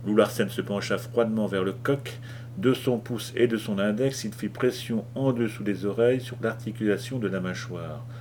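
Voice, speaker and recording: A man reads an audiobook in a rather low voice, telling the story with a measured, dramatic delivery. There is faint noise in the background. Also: a little mellow. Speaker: audiobook narrator. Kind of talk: audiobook reading.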